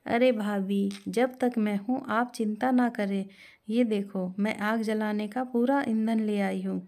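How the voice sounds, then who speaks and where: A woman's voice: medium pitch, fairly even intonation, unhurried, a little mellow, natural voice. A woman voicing a kind young sister-in-law who pleads earnestly on the new bride's behalf. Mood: pleading. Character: kind young sister-in-law, defends her brother's wife.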